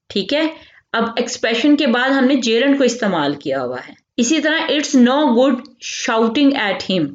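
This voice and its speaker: A woman gives a grammar lesson at a very slow, measured pace, reading out English examples one by one. She keeps putting a question and then answering it herself. The recording is roomy and somewhat dull. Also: a little high. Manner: asks quiz questions and answers them herself; reads English example sentences slowly and deliberately.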